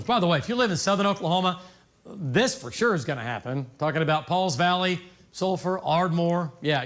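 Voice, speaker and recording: An American man anchoring live severe weather coverage off the cuff, folksy and emphatic, repeating phrases for stress. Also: a little high. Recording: noticeable background noise.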